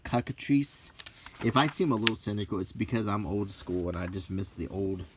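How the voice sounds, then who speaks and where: Browsing game books, a middle-aged man vlogs in a casual, unscripted chat that turns into unintentional ASMR, sprinkled with nostalgic and mildly grumbling remarks. He speaks at normal speed in a steady, fairly low voice, and background noise is audible.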